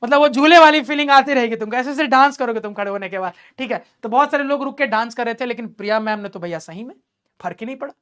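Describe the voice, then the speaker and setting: A male math teacher telling a story during a lesson, lively and teasing, laughing often. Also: very high voice, quick pace, clear, resonant tone.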